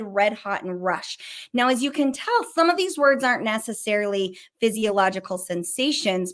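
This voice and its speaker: Middle-aged female counselor host, quick chatty explainer with a casual tongue. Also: mid-range voice, a bit bright. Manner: fast and chatty, swears casually. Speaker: licensed counselor hosting a mental health show. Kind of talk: casual teaching while sharing a screen.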